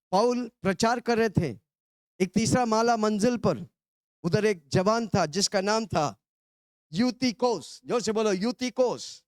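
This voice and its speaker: A man from India preaching a call-and-response sermon, telling the congregation to repeat phrases and shouting hallelujahs. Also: high voice, dry recording, studio quality.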